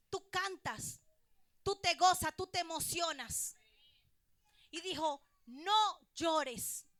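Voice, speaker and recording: A woman's voice: very high voice, bright, forceful tone, dry recording, studio quality. A woman pastor preaching a sermon, addressing her listeners directly and repeating phrases for emphasis.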